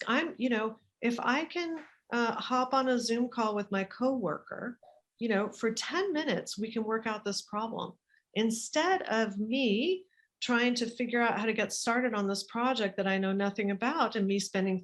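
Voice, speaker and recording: A woman guest speaking over a video call, animated and emphatic, often repeating words to stress a point. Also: on the high side, unhurried. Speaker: guest, business author. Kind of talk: casual interview chat.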